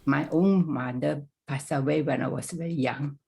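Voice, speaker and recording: An older woman from Vietnam, a guest on a family podcast, recalling her life in casual talk with halting, simple phrasing and many restarts. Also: low voice, fairly even intonation, gravelly, dark tone.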